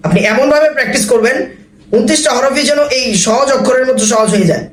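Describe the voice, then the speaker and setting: A man teaching Quran reading in a recorded lesson, patiently sounding out each letter slowly and repeating it. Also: extremely high pitch, reverberant, distant mic, low-quality recording.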